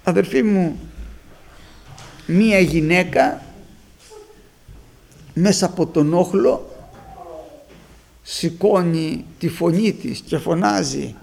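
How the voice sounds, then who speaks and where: A man preaching a sermon, emphatic, rising to high loud peaks as he addresses the congregation. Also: vocal fry, long pauses.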